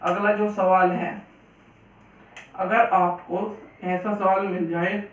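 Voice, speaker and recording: Brief: male math teacher, high voice, patient and repetitive, recorded from far off with a muffled sound. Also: little pitch movement, takes it slowly. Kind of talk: Hindi classroom-style lesson. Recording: echoey, distant, dull room sound.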